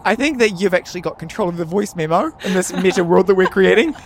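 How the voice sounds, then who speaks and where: A woman's voice: fairly low pitch, quick pace, crowd noise. A woman trading casual improv banter in a teasing, playful manner. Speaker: co-player in an improvised storytelling show.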